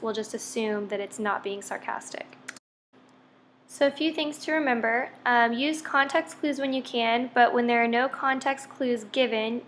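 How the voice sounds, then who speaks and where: A young woman teacher walks through a grammar lesson. Her voice sits a little high, and she reads each quiz item out and then explains the answer in a clear, methodical way. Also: fairly bright tone.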